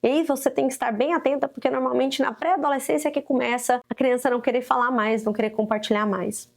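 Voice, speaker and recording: Earnest high-voiced woman giving parenting advice. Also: fairly even intonation, fast talker, vocal fry. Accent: Brazilian Portuguese. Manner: earnest, coaching, acts out quoted parents and children. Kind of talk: direct-to-camera advice talk.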